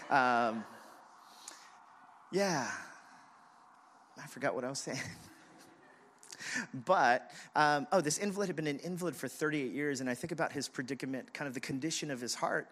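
A man preaching a sermon as pastor, conversational and animated, telling stories and speaking to the congregation. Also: fairly high pitch. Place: church in a city, siren heard outside.

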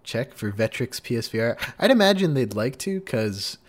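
A man's voice: medium pitch, sing-song, moderate pace. Chatty upbeat male podcast host. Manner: upbeat, chatty, sings little jingles. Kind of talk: casual podcast chat.

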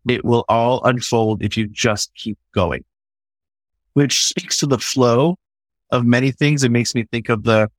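This man speaks at a medium pitch with a fairly bright tone and no echo. He talks enthusiastically and conversationally in a podcast discussion, swearing casually and often restarting his sentences.

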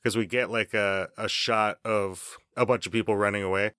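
A man with a fairly low voice talks casually on a podcast, joking and laughing easily. The sound is dry and close to the mic. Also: fairly even intonation, normal speed, fairly bright tone, smooth, no room sound. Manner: laughs often, loose and joking. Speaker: podcast co-host. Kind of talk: casual chat.

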